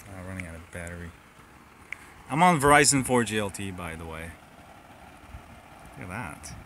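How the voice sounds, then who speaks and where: A man with a bright, forceful voice rambles through a casual live stream, answering viewers on the fly. His sentences restart and trail off as he picks up a phone in his hand and walks around outside. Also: deep voice, expressive, normal speed, slight background noise. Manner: rambling, loose, full of restarts and asides. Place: walking around, partly outdoors.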